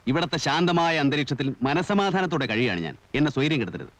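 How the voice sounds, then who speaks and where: An actor playing a calm, eccentric male writer who is a convict, speaking in a measured way. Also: fairly high pitch, dry recording.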